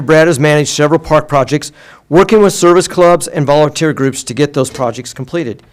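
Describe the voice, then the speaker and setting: A man reads a prepared tribute at a city council meeting, keeping a steady, measured pace. The delivery is plainly scripted and formal. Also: on the high side. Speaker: city official presenting an award.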